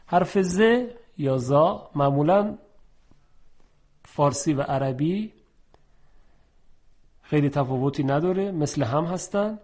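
A man with a fairly high voice teaches how to pronounce letters for Quran recitation. He calmly explains each letter, then slowly stretches out example words, saying every one twice.

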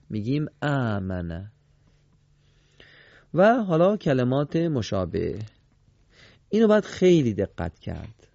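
A man teaching a Quran recitation lesson to a studio class on radio, quizzing the students and repeating their answers with emphatic pitch swings. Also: creaky, dark tone, no room sound, lo-fi sound.

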